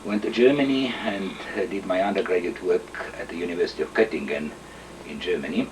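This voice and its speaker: An older man from Estonia, his first language Estonian, recalling his career in an interview, measured and hesitant with frequent fillers and throat clearing. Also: deep voice, recorded from a distance, noisy background. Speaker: interviewee, chemist. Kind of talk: oral history interview.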